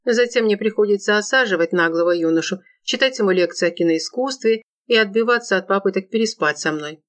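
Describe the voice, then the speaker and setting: A woman reading a first-person audiobook in an even, wry storytelling manner. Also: mid-range voice, brisk. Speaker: audiobook narrator.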